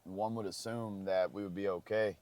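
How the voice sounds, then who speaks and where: A travel vlogger who is losing his voice chats casually in a parked car, rambling in an easygoing way. His crackly voice is lowish and darkish, with a steady tone at normal speed.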